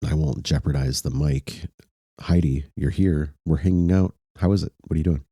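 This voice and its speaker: A man with an extremely low, husky voice hosts a casual online chat. He sounds sick and stuffy-nosed, and talks in a hesitant, loose way, recorded dry and close. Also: moderate pace, dark tone, dry recording. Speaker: podcast host.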